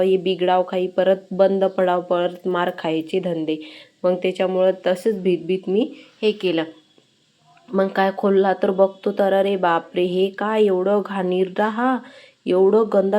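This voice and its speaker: A woman's voice: medium pitch, darkish tone. A woman chatting dramatically to viewers while showing how to clean a dirty fan. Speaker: home tips vlogger. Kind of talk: casual home cleaning demonstration.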